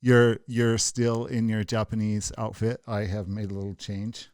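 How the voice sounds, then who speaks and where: A man's voice: lowish voice, level tone, unhurried, darkish tone, no room sound, studio quality. A man co-hosting a podcast in casual chat, joking and teasing. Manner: joking, teasing, puts on silly voices. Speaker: podcast co-host.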